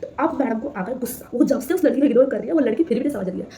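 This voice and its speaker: A woman's voice: a little high, animated, rapid-fire, mellow, a little hiss or hum. A teenage girl vlogging casually to camera, rambling, repeating herself and laughing as she tells a story.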